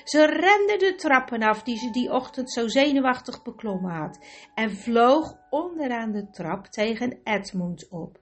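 A woman reading a children's storybook aloud with lively storytelling. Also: a little high. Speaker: audiobook reader. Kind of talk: storybook narration.

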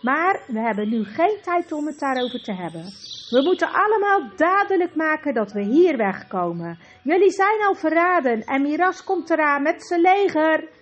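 A woman's voice: high voice, sing-song, moderate pace, voice pushed up. A woman voicing a kindly, courteous old male tutor who is out of breath. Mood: urgent. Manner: polite, courteous. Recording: dull lo-fi with faint music.

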